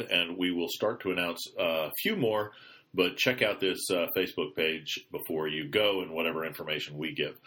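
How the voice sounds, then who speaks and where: A man with a deep, bright, forceful voice reads the week's news for a podcast into a computer mic. His delivery is casual rather than polished, with loose, chatty asides, and he stops to correct his own slips with ums.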